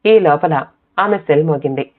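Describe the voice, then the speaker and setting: A woman narrating an audiobook short story in a calm, measured reading voice. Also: sits low. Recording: tinny, phone-like sound.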